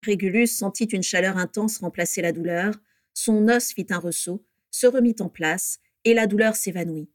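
A woman reading a story aloud with steady, measured narration. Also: mid-range voice, dry recording, studio quality.

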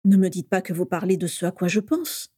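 A woman doing Rémus, a calm sensible boy wizard. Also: on the low side, breathy edge, dry recording. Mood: measured. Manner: measured, dry, sensible.

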